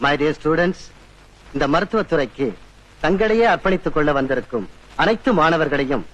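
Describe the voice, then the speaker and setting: A formal male lecturer welcoming new students. His voice sits a bit high for a man. The delivery is measured and formal, as in a film scene. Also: lively intonation, fairly bright tone, rough recording. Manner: formal, addressing a class. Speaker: medical college lecturer. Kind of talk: 1990s film dialogue.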